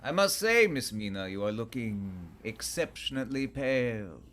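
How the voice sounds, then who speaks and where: A man playing a suave, bright-voiced vampire count. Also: mid-range voice, big pitch swings. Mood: smooth courtesy. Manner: formal, ornately polite, deliberate. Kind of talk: theatrical radio play acting.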